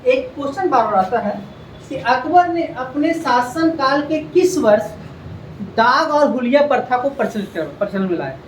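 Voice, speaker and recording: High-voiced man teaching in an echoey classroom. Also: lively intonation, normal speed, far from the mic, slight background noise. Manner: drills facts by repeating and quizzing students. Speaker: coaching teacher. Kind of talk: classroom lecture. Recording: echoey classroom, heard from afar.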